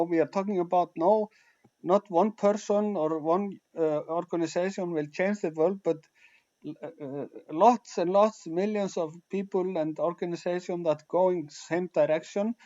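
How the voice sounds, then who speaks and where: A high-pitched man hosts an online meeting. His tone is dark and mellow, and he searches haltingly for his words. His call audio comes through dull and muffled. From Iceland. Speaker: meeting host. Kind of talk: casual online meeting talk. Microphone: video call.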